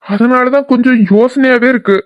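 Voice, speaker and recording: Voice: high-pitched, steady tone, normal speed, muffled recording, lightly acted. A performer as a shy, doubting young man. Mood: doubtful. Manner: hesitant, worried. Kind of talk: amateur audio drama acting.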